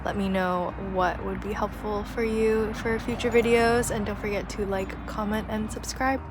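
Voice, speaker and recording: A young woman vlogger narrates her day in a casual, upbeat, chatty video, talking straight to her viewers. Her mid-range voice is steady and moves at a normal speed, with music in the background.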